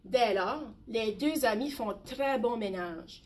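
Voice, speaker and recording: Slow, high-voiced woman reading a story. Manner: slow, gentle, expressive. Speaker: teacher reading a bedtime story. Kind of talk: storybook read-aloud.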